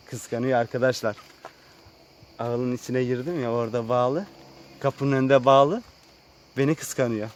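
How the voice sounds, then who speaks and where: A man vlogging casually outdoors at a rural sheep pen, speaking slowly and unhurriedly about his new animals. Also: fairly even intonation, a little hiss or hum. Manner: slow, unhurried, with sing-song high calls to the animals. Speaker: vlogger moving to the countryside. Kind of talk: casual vlog talk while tending sheep.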